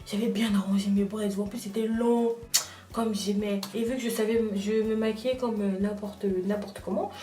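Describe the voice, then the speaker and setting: A young woman vlogger telling a personal story in casual chat, talking straight to her viewers in an animated way. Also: mid-range voice, moderate pace, reverberant, recorded from a distance. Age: young adult. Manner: animated, addresses viewers directly.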